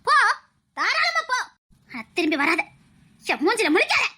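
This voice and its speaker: A woman doing a super high-pitched mom, stern and scolding, bright sound. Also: sing-song, normal speed, exaggerated voice. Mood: hurt. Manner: scolding, dismissive. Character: stern, grieving mother of a grown son. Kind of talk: dubbed serial drama.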